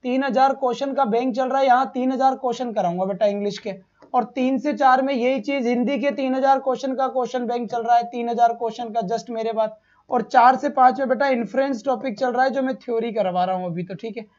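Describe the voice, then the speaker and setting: A man's voice: very high voice, steady tone, a little fast, darkish tone. A male teacher giving a live online exam-prep lesson, who repeats each answer, asks rhetorical questions and calls his students "beta". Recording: slightly dull lo-fi stream audio.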